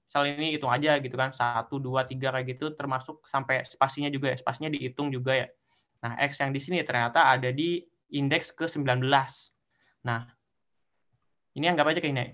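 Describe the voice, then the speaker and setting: A man's voice: medium pitch, a bit bright. A young man teaching assistant explaining code step by step in an online tutorial. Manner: explains step by step, counting through indexes.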